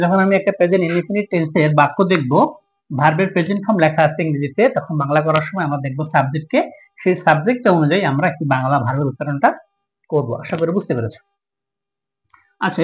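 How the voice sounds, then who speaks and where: A male teacher with a Bangladeshi Bengali accent runs a grammar lesson at a brisk clip. He keeps posing questions and answering them himself, in a high voice on a dull, lo-fi recording. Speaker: English teacher.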